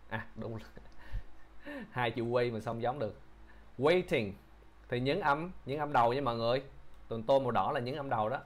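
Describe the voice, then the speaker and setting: A man teaching English pronunciation, who repeats each word slowly and patiently explains how to shape the mouth. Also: mid-range voice. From Vietnam. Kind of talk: pronunciation lesson.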